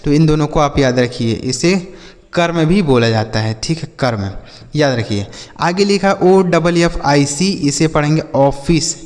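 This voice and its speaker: A man's voice: fairly high pitch, measured pace, darkish tone. A man teaching English vocabulary, spelling each word letter by letter and repeating its meaning, often asking a question and then answering it himself. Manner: repetitive, asks and answers his own questions. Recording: long hall reverb.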